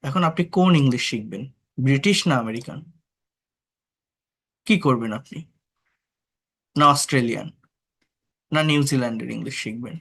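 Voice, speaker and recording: A man's voice: mid-range voice, lively intonation, quick pace, creaky, a bit bright, breathy edge. A man from Bangladesh teaching an online English class, explaining patiently, asking the class rhetorical questions and mixing English words into his talk. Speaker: English tutor.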